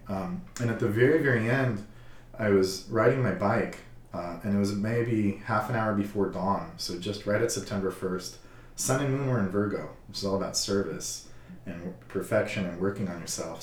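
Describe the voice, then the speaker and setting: A man with a fairly low voice tells a personal story calmly and reflectively, often pausing on fillers. He sounds a little set back from the mic in a roomy, echoing space. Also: distant mic. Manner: calm, reflective, halting with fillers. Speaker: counselor.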